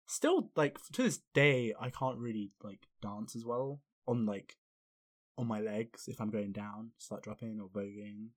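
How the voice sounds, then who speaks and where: A young man hosting a podcast, telling a story in casual chat, animated and swearing freely. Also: lowish voice, unhurried. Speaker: podcast host.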